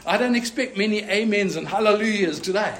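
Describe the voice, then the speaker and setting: Earnest male preacher, slightly high voice. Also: a little fast, fairly bright tone. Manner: earnest preaching with frequent fillers and restarts. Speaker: pastor. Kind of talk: sermon.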